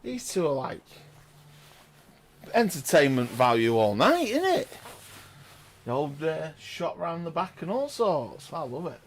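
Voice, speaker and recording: An excitable man, doing chatty live commentary on a pool match and exclaiming loudly at big shots. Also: on the high side, a little slow, a little hiss or hum. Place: pool lounge.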